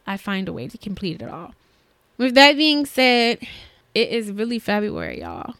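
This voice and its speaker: A woman's voice: medium pitch, a bit bright, dry recording. A woman hosting her own podcast, talking in an earnest, chatty, motivational way about her schedule and her goals. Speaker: podcast host. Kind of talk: solo podcast monologue.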